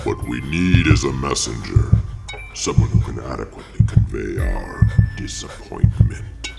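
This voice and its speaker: A man's voice: lively intonation, a little slow, darkish tone, heavily acted. A man doing a growling, commanding monster god. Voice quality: husky, deep growl. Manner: impatient, commanding. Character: husky, growling, authoritative aspect of a monstrous bone god. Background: music.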